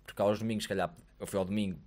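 Portuguese man in his thirties, podcast co-host, quick animated storyteller who swears freely. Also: lowish voice. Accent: European Portuguese. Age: 30s. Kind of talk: casual chat. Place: studio with blue lighting, indoors. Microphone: studio mic on arm.

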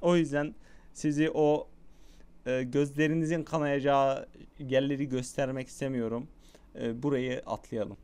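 A young man giving casual gameplay commentary, chatting with viewers and shouting at the game when it gets tense. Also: mid-range voice, fairly even intonation, moderate pace, clean tone. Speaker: gaming YouTuber.

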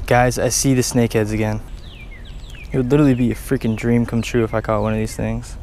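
A young man in his twenties filming a casual fishing vlog outdoors by a pond on a body-worn camera, excitable and saying "literally" and "dude" a lot. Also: medium pitch, fast, slight background noise. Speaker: fishing vlogger. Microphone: action camera worn on body.

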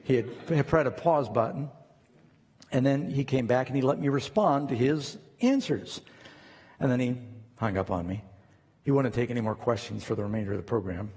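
A man's voice: mid-range voice, normal speed, darkish tone, husky, long reverb tail. A man preaching a sermon as a pastor, telling stories and rising into emphatic questions.

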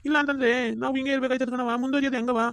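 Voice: sits high, little pitch movement, very fast, fairly bright tone, no room sound. A performer voicing a greedy, lazy village man, wheedling in a cartoon. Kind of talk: cartoon voice acting.

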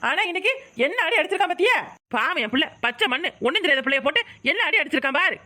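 A woman with a Kanyakumari Tamil accent voicing a loud, hot-tempered village mother in a cartoon, scolding and shouting. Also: very high-pitched, very animated, very fast, dry recording, full character voice. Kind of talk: cartoon voice acting.

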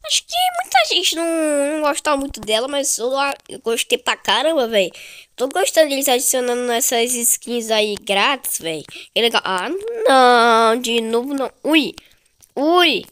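Young woman, Brazilian Portuguese accent, high voice, chatty gameplay commentary, excited exclamations. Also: measured pace, clean tone. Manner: chatty and exclamatory, heavy slang. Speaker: gaming video creator.

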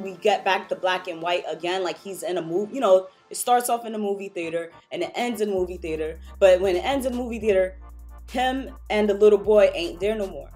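A young woman talks through a reaction video in a casual, slangy way. Her voice is mid-pitched and she addresses viewers directly, with music in the recording. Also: darkish tone. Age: young adult. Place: small room at home, indoors.

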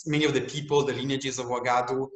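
A young man hosting a video-call interview, chatty and relaxed, laughing at himself. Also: medium pitch, fast. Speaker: host and game designer. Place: room at home. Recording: echoey room sound.

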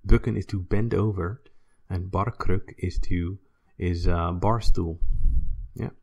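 Low, gravelly man; patient pronunciation teacher. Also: fairly even intonation, takes it slowly, darkish tone. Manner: patient, demonstrates sounds by repeating words. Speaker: Dutch language teacher. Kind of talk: pronunciation lesson.

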